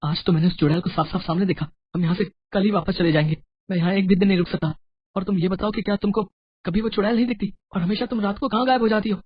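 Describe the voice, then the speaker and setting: A woman's voice: mid-range voice, steady tone, lightly acted. A woman voicing a frightened, suspicious young husband in a cartoon horror story. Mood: worried. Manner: anxious, hurried. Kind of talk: cartoon voice acting. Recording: muffled, with a faint hiss.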